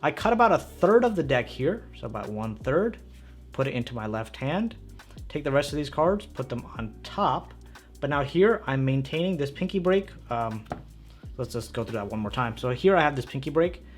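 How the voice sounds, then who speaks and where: A man's voice: medium pitch, lively intonation, moderate pace. Man, card magician patter, casual and upbeat, tutorial host, direct to viewer, music behind.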